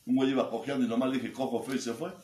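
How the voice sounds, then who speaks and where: A man's voice: medium pitch, flat delivery, rapid-fire, mellow. A man with a Mexico City accent, a group sponsor giving a crude, mocking, joking testimony and acting out the voices he quotes. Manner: foul-mouthed, mocking, acts out quoted voices. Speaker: sponsor speaking at a recovery group meeting. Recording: echoey room with background noise.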